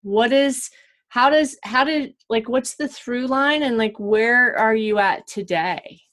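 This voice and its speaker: A woman hosting a podcast, calm, with short listening sounds and halting questions. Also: a little high. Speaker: podcast host. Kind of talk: interviewing, casual conversation.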